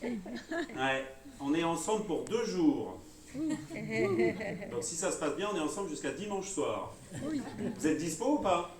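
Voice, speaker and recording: A man's voice: a little high, very animated, a little slow, pauses often, crowd noise. A man giving a comic stage talk, playfully teasing the audience. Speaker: speaker at a humorous talk. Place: cultural venue hall with a live audience. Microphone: handheld mic, filmed by smartphone from the audience. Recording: echoey hall, phone from far off, loud audience.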